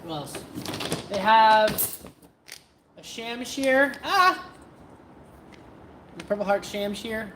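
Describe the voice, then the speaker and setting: A woman's voice: mid-range voice, background noise. A woman hosting a casual livestream, chatting with viewers in a scattered, self-interrupting way as she shows her practice swords.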